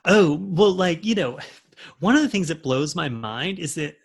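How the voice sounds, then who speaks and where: A man's voice: on the high side, animated, normal speed, husky. A man talking as an author and screenwriter in a casual interview, rambling with lots of fillers and restarts.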